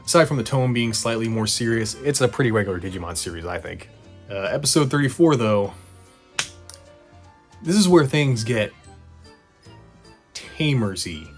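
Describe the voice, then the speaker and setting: A man's voice: medium pitch, animated, moderate pace. A man narrating a casual, sarcastic video recap in a conversational way. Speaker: host of a video retrospective. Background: background music.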